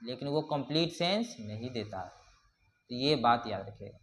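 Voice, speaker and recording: A man teaching a grammar lesson, slowly reading out English definitions word by word and often checking in with his class. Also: medium pitch, lively intonation, a bit bright. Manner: slow explaining, reads English definitions word by word, repeats "ठीक है".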